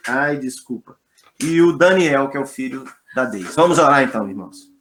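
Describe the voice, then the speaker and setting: A man's voice: mid-range voice, animated, normal speed, a bit bright, a little hiss or hum. Brazilian man casually leading an online church class. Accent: Brazilian Portuguese. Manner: friendly, informal, fumbling with names. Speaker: Sunday school class leader.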